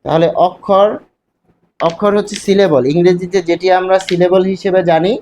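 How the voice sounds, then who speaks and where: A man's voice: high-pitched, steady tone, moderate pace, darkish tone. A man teaching a literature lesson in Bangladeshi Bengali, explaining step by step and asking rhetorical questions. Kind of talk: classroom lecture. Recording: dull lo-fi sound with faint hiss.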